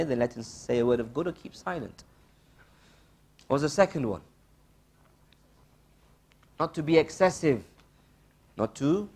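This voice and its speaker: A man giving a religious lesson as a teacher, didactic and questioning, repeating key phrases with pauses and mixing Arabic quotations into English. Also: medium pitch. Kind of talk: religious lesson, quizzing listeners and explaining.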